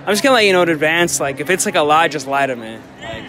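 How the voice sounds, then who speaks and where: A man's voice: a little high, animated, rapid-fire. A young man running a casual street interview outdoors on a campus, asking laid-back, probing follow-up questions. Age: young adult. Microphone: handheld recorder. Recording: outdoor crowd and background noise.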